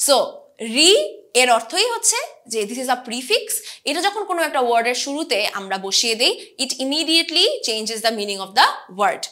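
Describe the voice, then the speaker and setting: A young woman from Bangladesh, teaching an online English pronunciation lesson and slowly stressing the English terms. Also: high voice, animated, pushed and bright. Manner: slow, careful stress on English terms, mixing Bengali and English. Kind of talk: online lesson explaining grammar.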